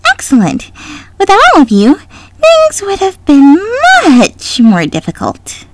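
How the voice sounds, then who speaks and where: A man's voice: very high-pitched, wildly swooping pitch, takes it slowly, background noise, exaggerated voice. A man voicing a giggly, unhinged pony in a sing-song, gleefully mocking manner. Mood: smug. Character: giggly, unhinged pony who hides from a chaos god.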